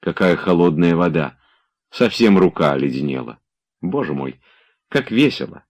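A man voicing a playful, teasing young woman in an audiobook, in a lifted, lively voice. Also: deep voice, normal speed.

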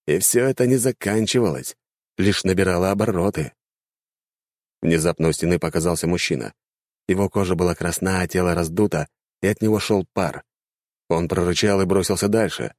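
A man narrating a fantasy war story with lively, dramatic delivery. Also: sits low, dry recording, studio quality.

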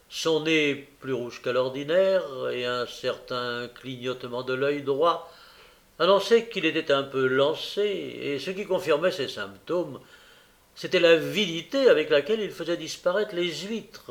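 Male audiobook narrator, fairly high voice. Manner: measured reading with occasional filler hesitations. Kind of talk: scripted narration of a classic novel.

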